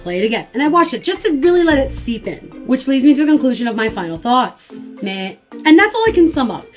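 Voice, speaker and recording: A young woman vlogger delivers an animated reaction rant with a slightly high voice. Her tone stays sarcastic and exasperated throughout. Faint music plays behind her. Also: fast talker.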